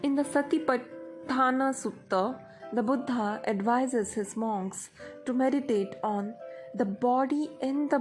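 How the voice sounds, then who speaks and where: In a fairly high voice, a woman leads a meditation, giving instructions very slowly and deliberately while music plays gently in the background.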